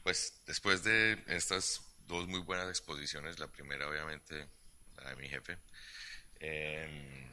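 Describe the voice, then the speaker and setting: A man giving a formal conference presentation as a financial supervision official, measured and pausing often with fillers and restarts. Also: extremely low pitch, bright, forceful tone.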